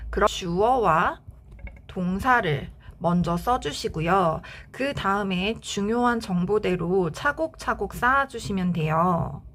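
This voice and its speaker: Female English tutor, slow and patient, step-by-step explainer, mid-pitched. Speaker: English grammar teacher. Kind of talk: scripted grammar lesson.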